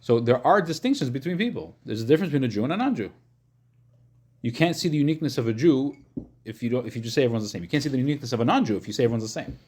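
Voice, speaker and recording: A man's voice: mid-range voice, expressive, very fast, a little mellow, slightly rough. A man teaching an informal religious class as a rabbi, explaining in a questioning way and often repeating and rephrasing as he goes. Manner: questioning, checks in with listeners using short questions.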